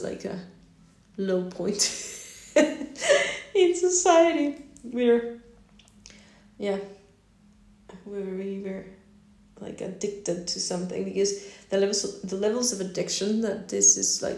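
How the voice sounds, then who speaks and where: A woman's voice: mid-range voice, gravelly, echoey room. A woman talking casually on her own into a phone on a stand, rambling with lots of fillers and laughs. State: yawning, drowsy. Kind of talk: casual solo talk.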